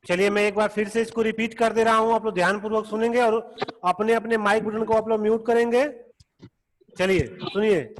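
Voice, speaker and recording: A man teaching a Sanskrit class over a video call, explaining slowly and patiently, repeating each point. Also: high-pitched, steady tone. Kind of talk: online class lecture. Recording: long echoey reverb.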